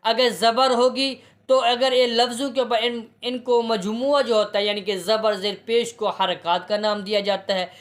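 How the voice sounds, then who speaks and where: A man teaching a reading lesson, spelling letters and vowel marks out slowly and patiently, often asking a question and answering it himself. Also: very high-pitched, little pitch movement.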